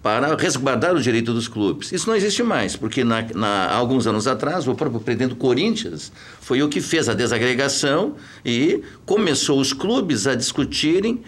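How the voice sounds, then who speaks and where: Man, emphatic, very expressive intonation, talk-show guest. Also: mid-range voice, moderate pace, few pauses.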